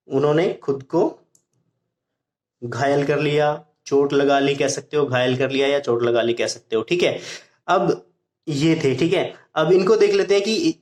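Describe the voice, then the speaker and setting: A man with a slightly raised pitch teaches grammar patiently and repeats his points. He reads the English example sentences slowly and clearly. The sound carries a roomy echo. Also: darkish tone. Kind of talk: Hindi-language grammar lesson. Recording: echoey room.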